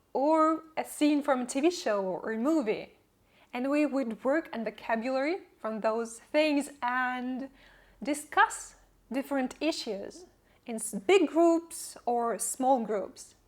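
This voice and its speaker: A woman's voice: high-pitched, animated, slow pace. A woman whose first language is not English, telling the story of her English learning in an upbeat, reflective vlog. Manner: reflective, upbeat, laughs between points. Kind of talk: personal vlog narration.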